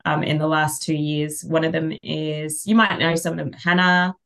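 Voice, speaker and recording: An Australian fantasy author, appearing as a podcast guest, chats casually in a low, gravelly voice at normal speed. She tells wry, exaggerated, humorous anecdotes with animation, acting out the dialogue.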